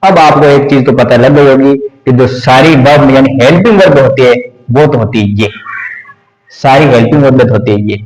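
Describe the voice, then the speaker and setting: A man teaching English grammar in Hindi, explaining slowly and repeating lists aloud while he writes. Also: mid-range voice, darkish tone. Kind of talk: classroom grammar lesson. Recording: echoey room.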